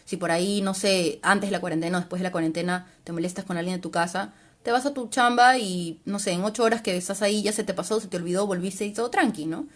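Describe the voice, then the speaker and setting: A woman's voice: mid-range voice, quick pace. Patient woman psychologist explaining. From Peru. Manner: explains patiently, often ending phrases with a questioning "¿no?". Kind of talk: informal live-stream talk on mental health. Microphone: livestream mic.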